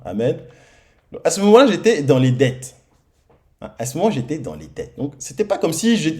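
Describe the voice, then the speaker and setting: A man preaching in church, telling his own testimony in a lively storytelling manner and acting out the dialogue. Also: fairly high pitch. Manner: lively storytelling, acts out dialogue, many repeated starts. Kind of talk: sermon testimony. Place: church hall.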